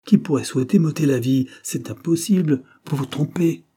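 A man's voice: a little high, normal speed, dark tone, breathy edge, voice pushed up. A man voicing a weak, agitated young male professor in a storybook reading. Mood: irritated. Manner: feverish, irritated.

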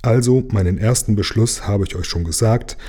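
Guy doing a fussy old storybook king, sighing and pompous, low husky mellow voice. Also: normal speed. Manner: sighing, self-important official tone.

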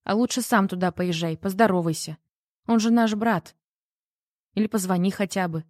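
A woman reading the part of a bossy sister in a hurry, talking briskly and impatiently in an audiobook. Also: medium pitch, darkish tone, dry recording, studio quality, lightly acted.

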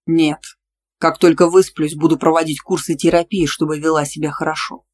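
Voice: medium pitch, level tone, brisk, a little mellow, natural voice. A reader doing a brash, possessive young teacher. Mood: insistent. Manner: blunt, demanding, teasing. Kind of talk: audiobook dialogue reading.

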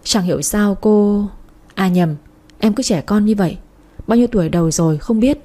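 A woman doing a shy, gentle firefighter man. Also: mid-range voice, normal speed, close to an everyday voice. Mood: flustered.

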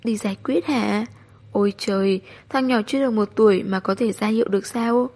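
A woman's voice: mid-range voice, brisk, a little mellow, natural voice. A woman doing a flustered teenage girl.

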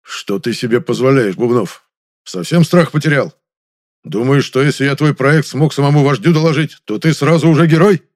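Booming Soviet film boss, bossy, scolding, raised high and loud, as a male reader puts him on. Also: normal speed, natural voice. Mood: furious.

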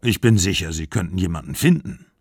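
A weary middle-aged actor answers in a quiet, measured, soothing way, as a male reader voices him. The voice drops a little lower and has a gravelly grain. It sits dry and close to the mic. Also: expressive, no echo, exaggerated voice. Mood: calm. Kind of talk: literary audiobook reading.

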